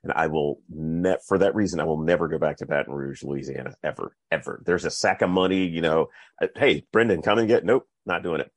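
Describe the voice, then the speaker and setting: A man from North Carolina, an author, answering interview questions in a relaxed, casual way, laughing easily and repeating words for emphasis. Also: extremely low pitch, a little fast, no echo.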